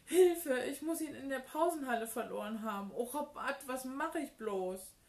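A woman's voice: high-pitched, expressive, normal speed, darkish tone, reverberant. A woman playing a flustered, tearful schoolgirl. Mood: panicked. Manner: anxious, stammering.

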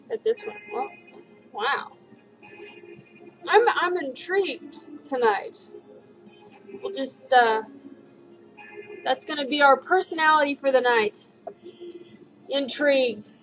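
A woman's voice: high voice, fairly bright tone, rough recording. A young woman rambling in a giggly, drunk manner as she casually talks through a makeup tutorial on a home webcam. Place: living room at home, indoors. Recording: webcam audio with background noise.

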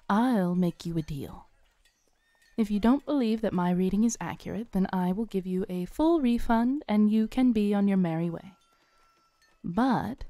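Close to the microphone, a young woman with a smooth, mid-range voice acts as a fortune teller at a fair. The roleplay is scripted, her manner soft, coaxing and lightly teasing, with no room sound.

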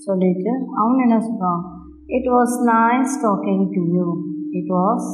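South indian tamil lady teaching english to little kids, talks fast, repeats stuff, really echoey classroom. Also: mid-range voice, background noise. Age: middle-aged. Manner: instructional, repeating phrases for pupils. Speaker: primary school English teacher. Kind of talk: classroom lesson, explaining and reading aloud, switching between English and Tamil. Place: indoor classroom at a blackboard. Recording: echoey, reverberant room.

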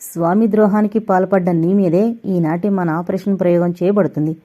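A woman voicing a cruel, sneering male villain in an audio novel, shouting his threats. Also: fairly low pitch, fairly even intonation, brisk, lo-fi sound, natural voice.

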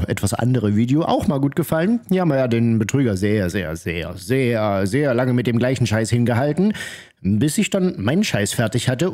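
A man hosting his channel, explaining and commenting in a calm, matter-of-fact, slightly teasing way. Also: mid-range voice. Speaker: channel host baiting a scammer. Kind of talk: vlog commentary and recorded phone call.

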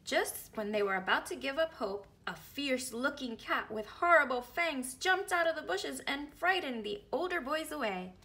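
A woman in her thirties reads a children's picture book aloud. Her voice sits fairly high and swings with lively expression, with a bright, forceful edge. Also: normal speed, hardly any pauses. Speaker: read-aloud storyteller.

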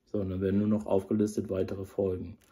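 A man in his thirties with a cold, this audio drama reviewer talks casually and fast to a close device camera, rambling with lots of fillers. His voice is deep, level and warm. He's indoors in a small room under a sloped roof.

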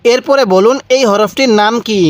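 A man teaching beginners to read Quranic letters, going slowly, repeating each letter and asking listeners to say it after him. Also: extremely high pitch. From Bangladesh. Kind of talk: step-by-step letter lesson.

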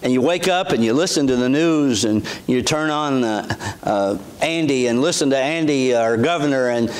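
A man's voice: medium pitch, lively intonation, moderate pace. A middle-aged man, a pastor giving a sermon in a church sanctuary on a lapel mic, speaking earnestly in a conversational way with frequent restarts.

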